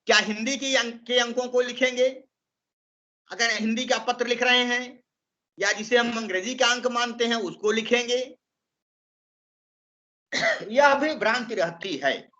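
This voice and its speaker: A man giving an online Hindi training lecture, explaining slowly and deliberately with frequent pauses, heard over a video call. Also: extremely high pitch, pushed and bright. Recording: muffled online call audio.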